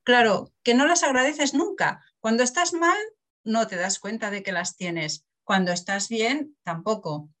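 A woman's voice: a little high, measured pace. A middle-aged woman from Barcelona, an author telling stories in a casual interview and laughing often. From Barcelona, Spain. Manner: animated storyteller, acts out quotes, laughs often.

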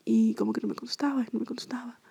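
A woman's voice: a little high, fairly even intonation, racing, gravelly, warm tone, breathy edge. A young woman telling a personal story to her viewers in a casual, rambling way, full of fillers. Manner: chatty, rambling, lots of fillers. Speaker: vlogger.

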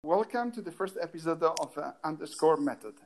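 A man's voice: on the high side, expressive, brisk, over loud music. A man who grew up in Italy co-hosting a podcast, speaking hesitantly and often restarting while he searches for words. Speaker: podcast co-host. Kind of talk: casual podcast chat.

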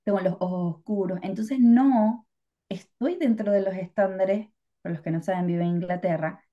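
A woman's voice: medium pitch, normal speed, warm tone, highs cut off. A Venezuelan woman co-hosting a podcast, talking in a chatty, reflective way with lots of fillers. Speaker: podcast co-host. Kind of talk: casual podcast chat.

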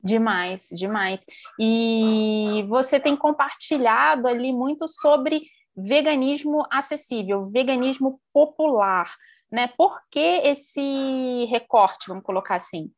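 A woman's voice: on the high side, slow. A woman hosting a podcast interview, talking in a friendly, fluent way with frequent tag questions. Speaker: podcast host.

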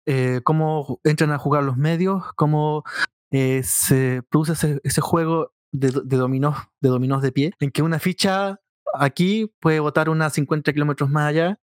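A man's voice: fairly high pitch, fairly even intonation, moderate pace, dry recording. Hesitant man, dry close voice. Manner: thoughtful, hesitant, searching for words. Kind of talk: casual chat.

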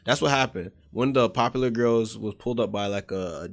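A man's voice: medium pitch, fairly quick. Young man rambling through a story. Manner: rambling storyteller, swears casually. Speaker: podcast co-host. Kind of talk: casual podcast chat.

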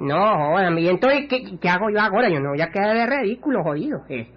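A man playing a husky, brash village loudmouth. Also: high-pitched, fast. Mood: blustering. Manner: excitable, curses constantly, stammers when upset. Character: brash swearing village man, middle-aged. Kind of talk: radio comedy acting. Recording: lo-fi radio recording.

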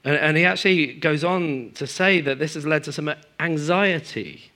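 A man delivers a sermon to a congregation, his voice fairly high for a man. He swings from loud, emphatic stretches down to quiet, low asides. He speaks with conversational warmth rather than formal oratory. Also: normal speed. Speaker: preacher. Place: church hall in front of a congregation.

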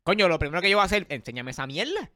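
A man's voice: high-pitched, very animated, racing, pushed and bright, no echo, clean studio sound. A man in casual chat, reacting with jokes and swearing. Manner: reacts with laughs and swearing, jokey theorizing. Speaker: podcast co-host.

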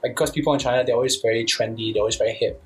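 A man's voice: medium pitch, steady tone, racing. A man in a casual podcast chat, talking in youthful slang and leaning often on 'like'. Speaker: podcast participant.

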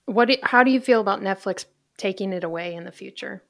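A woman's voice: mid-range voice, fast, creaky, a bit bright. A woman hosting a casual podcast in a chatty, jokey way, recorded inside a closet. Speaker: podcast host.

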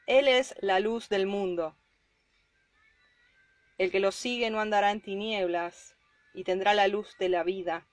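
A woman reading a psalm and preaching on it, slow and emphatic, rising on her key points. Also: medium pitch, steady tone, no room sound. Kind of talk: Bible reading and devotional sermon.

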